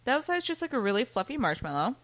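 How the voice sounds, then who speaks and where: A woman's voice: fairly high pitch, sing-song, fast talker, fairly bright tone. A young woman co-hosting a casual snack-tasting chat, laughing often and reading from a booklet. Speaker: co-host reviewing snacks.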